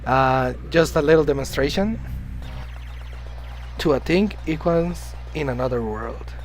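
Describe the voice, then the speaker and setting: A Spanish-first-language streamer plays a video game live, rambling casually, greeting viewers and responding to chat, with an occasional cough from being sick. He speaks with a higher voice at a measured pace, heard over slight background noise on poor audio.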